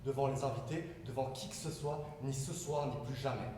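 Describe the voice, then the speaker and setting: An actor playing an anxious, touchy parent figure in a live stage play, declaiming and swinging between hushed and loud. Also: male voice, medium pitch, moderate pace, lightly acted. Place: theatre stage. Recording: echoey hall from far off, room hiss.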